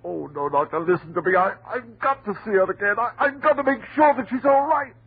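A man's voice: sits high, brisk, husky. A man playing an overwrought, melodramatic husband on the edge of madness in a 1940s radio horror play. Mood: anguished, pleading. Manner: anguished, melodramatic, swinging from murmurs to shouts. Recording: muffled, faintly noisy old radio recording.

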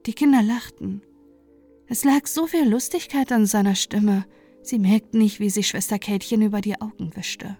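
A woman storyteller reading a fairy tale as a calm, soothing bedtime story. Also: medium pitch, normal speed, soft background music.

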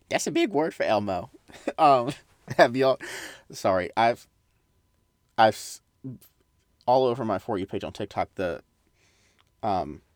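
A man's voice: lowish voice, no room sound, clean studio sound. A young adult man hosting a casual solo podcast, rambling through tangents and side remarks. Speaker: podcast host.

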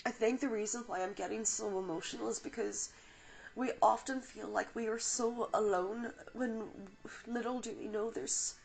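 A woman hosting a spiritual podcast, reading oracle cards and a guided meditation in a soft, gentle, unhurried voice. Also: on the high side, gravelly, poor audio.

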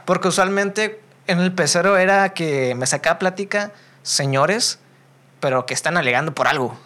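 A young man with a Mexican accent, co-hosting a casual podcast and chatting in a relaxed, slangy way. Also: high-pitched, moderate pace. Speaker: podcast co-host. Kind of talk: casual chat.

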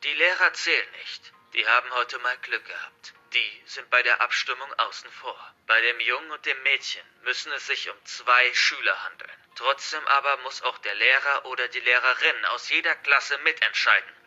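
A man voicing a menacing masked male hacker who taunts and threatens his captives loudly. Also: mid-range voice, moderate pace, hardly any pauses, muffled recording. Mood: gloating. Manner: loud, gloating, threatening delivery.

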